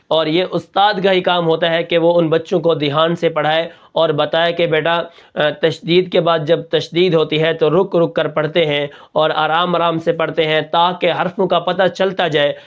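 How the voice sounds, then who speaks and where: A male Quran reading teacher, explaining step by step and spelling syllables out slowly with rhetorical questions. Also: a little high, muffled recording. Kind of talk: spoken lesson on Quran spelling.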